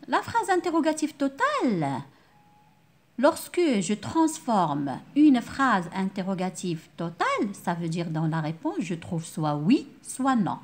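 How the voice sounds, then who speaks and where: A woman giving a remote primary school lesson, explaining slowly, repeating key words and asking the class questions. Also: a little high.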